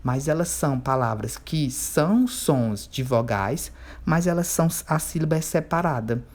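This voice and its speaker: A man's voice: fairly high pitch, expressive, a little mellow. Patient male teacher stretching out words. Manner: patient, checks in often, stretches words slowly when spelling out syllables. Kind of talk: remote workbook lesson for children.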